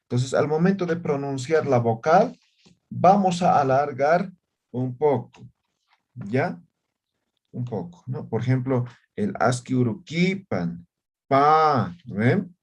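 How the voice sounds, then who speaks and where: Male teacher, unhurried and husky, video-call class, keeps asking "right?". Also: mid-range voice, expressive. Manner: checks in with "¿ya?" and "¿no?" often. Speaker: Aymara language teacher. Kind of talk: online class explanation.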